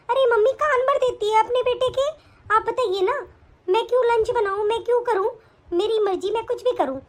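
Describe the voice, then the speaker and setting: A woman plays a spoiled young wife in a cartoon story who whines and talks back. Her voice sits very high and she complains without letup. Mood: complaining. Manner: whiny, complaining, defiant. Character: spoiled quarrelsome young married daughter. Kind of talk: animated story voice acting.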